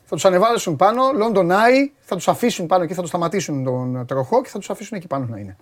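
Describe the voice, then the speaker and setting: A man's voice: sits high, lively intonation. A man hosting a sports show, bantering and teasing his co-host in a TV studio. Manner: teasing, playful.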